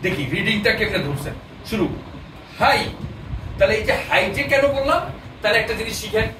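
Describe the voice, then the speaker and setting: A man's voice: high-pitched, very animated, moderate pace. A man teaching a language class, explaining patiently and often asking his students questions. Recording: echoey room, distant mic, noisy.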